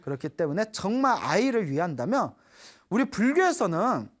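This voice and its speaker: A woman who is a Buddhist nun gives a dharma talk to a studio audience, telling stories in an animated way and putting questions to her listeners. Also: medium pitch, normal speed.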